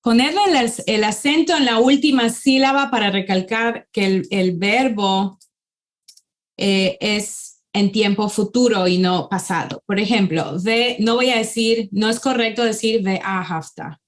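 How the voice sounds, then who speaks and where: Woman language teacher, somewhat high voice, patient step-by-step explainer, checks in often. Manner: slows down to sound out words. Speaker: Hebrew teacher. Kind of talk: conversational language lesson.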